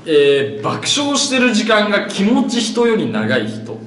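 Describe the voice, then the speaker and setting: A man's voice: sits high, huge pitch swings, unhurried, very noisy. A man in his twenties trading jokes with friends in a casual game, breaking easily into laughter. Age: 20s. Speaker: member of a video group. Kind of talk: casual group banter game. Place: concrete tunnel at night. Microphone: camera a few steps away. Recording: echoey tunnel, loud music.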